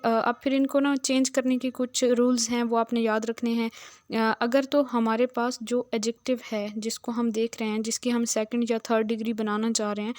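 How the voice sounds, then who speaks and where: A woman teaches a grammar lesson, patient and methodical, pausing often to check that her students follow. Her voice sits a little high and stays level, with little rise and fall. The sound is close and dry. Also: darkish tone, no room sound. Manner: patient, explains step by step with frequent "theek hai" check-ins. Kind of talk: recorded grammar lecture.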